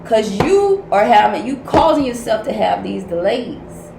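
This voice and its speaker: A woman's voice: medium pitch, big pitch swings, a little slow, creaky, noisy background. Blunt, profane grandmother counselor, echoey room. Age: older. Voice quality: blunt, profane, tough-love preaching. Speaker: spiritual counselor. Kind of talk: tarot message reading.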